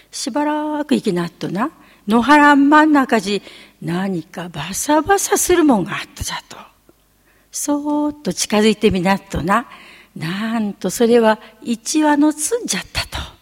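An older woman with a Miyazaki dialect telling a folktale in a rhythmic, measured way, with "na" at the ends of phrases. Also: fairly high pitch. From Miyazaki, Japan. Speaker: folktale storyteller. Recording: long echoing hall reverb.

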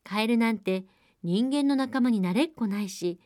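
A woman's voice: on the high side, moderate pace, a little mellow, dry recording, clean studio sound, close to an everyday voice. Storybook princess, young and spoiled, dismissive tone, read by a woman. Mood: haughty. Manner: haughty, dismissive, fretful. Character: spoiled young princess, haughty then flustered.

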